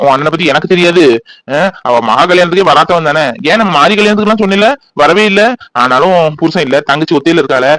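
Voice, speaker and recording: A man voicing a quick-tempered middle-aged husband in an animated family drama, scolding and sarcastic. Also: on the high side, dry recording, natural voice, rough recording.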